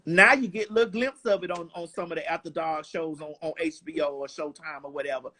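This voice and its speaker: A woman's voice: low-pitched, steady tone, fairly quick, bright, forceful tone. A woman in her forties giving an interview in a blunt, emphatic, profane way. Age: 40s. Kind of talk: casual interview chat.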